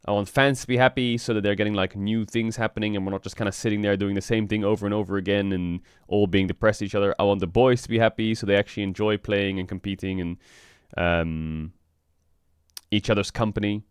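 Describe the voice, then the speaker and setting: A man streaming in casual chat, frank and rambling, swearing often, with a flat delivery because he just woke up. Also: fast, smooth, dry recording, clean studio sound. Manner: flat, low-energy delivery. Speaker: streamer and esports team owner.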